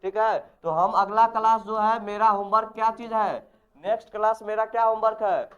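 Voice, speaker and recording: A man's voice: sits high, fairly even intonation, normal speed, a bit bright, clear, resonant tone, dull audio. A male physics teacher, giving a classroom lecture and quizzing his students. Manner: instructive, assigns homework and quizzes the class with repeated questions.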